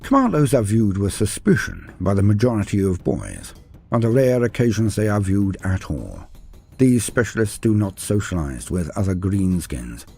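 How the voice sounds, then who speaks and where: This man speaks fairly low with wide pitch swings at a normal speed, his dark voice carrying vocal fry and a breathy edge over soft background music. As narrator of a Warhammer lore guide, he reads scripted fantasy war lore in a grandiose, theatrical style, addressing the listener formally.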